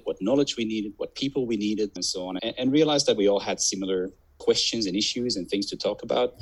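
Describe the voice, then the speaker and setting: Low husky man with a mixed Belgian accent. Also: a bit bright, rough recording. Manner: fluent, listing experience in long runs. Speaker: guest. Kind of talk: podcast interview.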